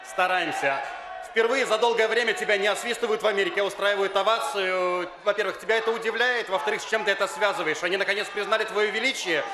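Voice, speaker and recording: A man's voice: sits high, quick pace. A man working as a reporter, asking a press conference question in a playful, teasing way. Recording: echoey hall with crowd.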